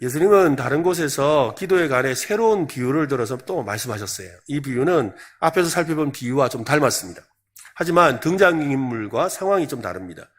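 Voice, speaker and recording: A brisk man with a medium-pitched, lively voice and a Gyeongsang Korean accent preaches a sermon as senior pastor at a church service. He keeps quizzing the congregation with repeated questions.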